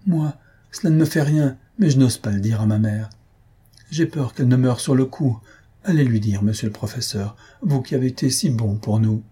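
A man reading the lines of a timid, anxious young woman student, pleading and emotional in a raised, husky voice. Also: mid-range voice, normal speed, warm tone.

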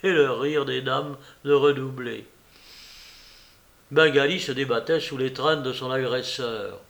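A man reading a novel aloud as narrator, in a steady, measured storytelling manner. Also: mid-range voice, creaky.

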